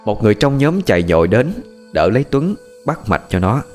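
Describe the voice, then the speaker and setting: Lively low-voiced male ghost story narrator. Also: brisk. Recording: faint music and night crickets behind.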